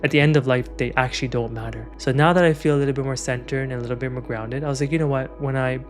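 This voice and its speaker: A man's voice: mid-range voice, steady tone, fast talker, faint music behind. A man in his thirties telling a personal story in a frank, conversational way, then guiding the listener through a breathing exercise. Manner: conversational, frank, with many fillers like "like". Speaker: meditation guide. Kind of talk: casual storytelling and guided breathwork.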